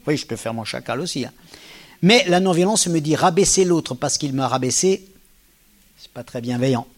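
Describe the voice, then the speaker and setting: A man giving a public talk, telling stories with lively energy and acting out quoted dialogue in casual, slangy speech. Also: mid-range voice. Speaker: lecturer.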